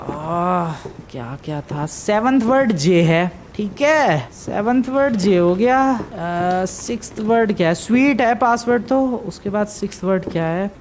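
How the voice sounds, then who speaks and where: A man's voice: sits high, animated, unhurried, hardly any pauses. Man, horror game commentary, jumpy, grumbling, yelps at scares, faint background noise. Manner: talks to viewers, jumpy and frustrated, yelps when scared. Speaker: gaming YouTuber.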